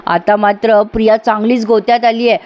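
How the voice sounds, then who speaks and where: A woman recapping a TV serial episode in casual, lively storytelling, talking straight to her viewers. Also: fairly high pitch, a little fast. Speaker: TV serial reviewer.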